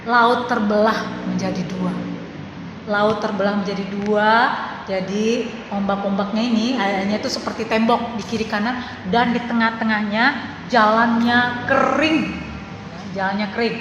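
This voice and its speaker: A woman teaching a children's church class, telling a Bible story in a lively, animated storytelling manner. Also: mid-range voice, measured pace. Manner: lively storytelling to children, calls herself big sister. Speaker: Sunday school teacher. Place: church hall. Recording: echoey hall with faint room noise.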